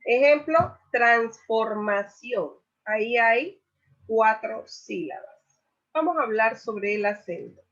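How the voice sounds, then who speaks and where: A woman teaching a Spanish grammar lesson, explaining slowly and saying each example word loudly, then repeating it. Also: a little high, animated. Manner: stresses example words loudly and repeats them. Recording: dull lo-fi recording.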